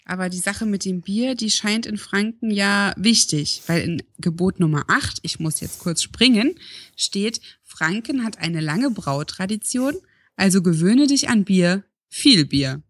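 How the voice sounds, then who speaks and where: A woman's voice: mid-range voice, expressive, measured pace, dry recording. A woman co-hosting a podcast in casual chat, reading rules aloud with amused dry asides and frequent laughs. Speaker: podcast co-host.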